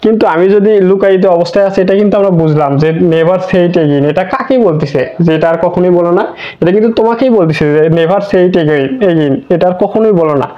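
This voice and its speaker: A man's voice: sits high, fast. A man teaching an online English grammar lesson, explaining step by step with repeated words and rhetorical questions. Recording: dull lo-fi recording.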